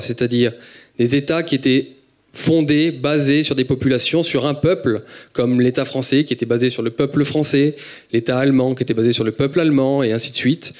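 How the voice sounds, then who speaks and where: Steady young French man speaking. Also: mid-range voice. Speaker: panel speaker. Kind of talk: prepared talk.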